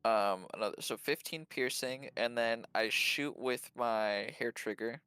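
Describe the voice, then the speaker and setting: A man's voice: mid-range voice, measured pace, pushed and bright, clear, resonant tone, no room sound, soft background music. A man playing a tabletop game, thinking aloud in a hesitant way with many fillers as he works through his turn. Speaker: player. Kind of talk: casual tabletop game play.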